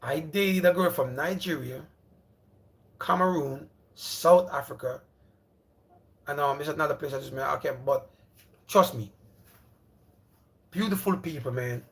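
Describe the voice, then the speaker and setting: With long pauses and a measured pace, a Jamaican man in his thirties hosts a livestream from home, his voice fairly high and fairly bright. He rambles casually, repeating himself and calling out to viewers as brother and bro.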